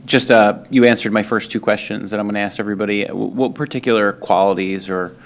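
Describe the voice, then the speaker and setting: A man with a low, heavily creaky voice poses an informal question as a board member. His delivery is hesitant and roundabout, full of pauses. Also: steady tone.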